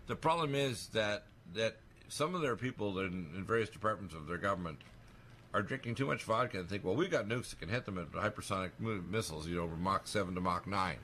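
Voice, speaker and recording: A man talking on a radio talk show in a rapid, insistent monologue, emphatic and alarmist as he piles up claims. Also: lowish voice, pushed and bright, slight background noise.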